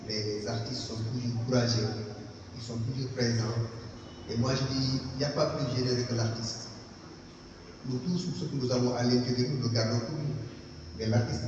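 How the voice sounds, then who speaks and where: Guy giving a thank-you speech, lots of ums and restarts, muffled, noisy hall. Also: medium pitch. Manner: halting, with many fillers and restarts. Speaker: exhibition curator giving a speech. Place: large hall at an art gallery. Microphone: far camera. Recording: echoey hall from far off, dull, noisy.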